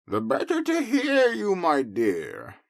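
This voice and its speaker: A man voicing a wolf pretending to be an old grandmother, in a high put-on granny voice. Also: huge pitch swings, takes it slowly, gravelly, no echo, studio quality, full character voice. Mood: sweet, sinister.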